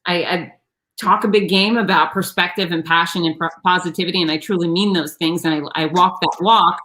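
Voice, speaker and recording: A woman's voice: lowish voice, fairly even intonation, brisk, a bit bright, rough recording. A woman being interviewed as an author, telling her story frankly and expressively, often restarting her sentences.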